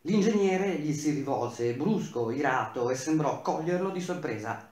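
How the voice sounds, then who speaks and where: A man reading a novel aloud in a measured, steady storytelling manner. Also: a little high. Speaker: reader. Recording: very echoey room.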